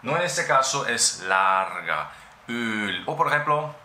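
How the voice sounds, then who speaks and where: Slow, patient man with an Austrian accent. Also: mid-range voice, big pitch swings, bright, forceful tone, echoey room, a little hiss or hum. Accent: Austrian German. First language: German. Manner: slow, patient, repeats sounds many times. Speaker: German teacher. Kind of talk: relaxed language lesson.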